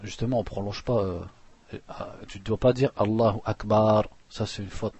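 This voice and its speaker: A man teaching a religious lesson, reading passages fast and then explaining them plainly with restarts. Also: lowish voice, steady tone, a little mellow. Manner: reads Arabic passages quickly, then explains slowly with restarts; clears throat now and then.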